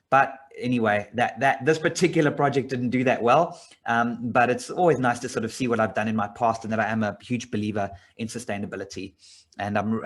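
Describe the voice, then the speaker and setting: A middle-aged man from South Africa talks through his slides in a casual, meandering way, full of ums and restarts. His voice sits a little low, and he sounds like he is speaking into a computer mic while sharing his screen. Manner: rambling with frequent fillers and restarts. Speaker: business owner presenting a job opportunity.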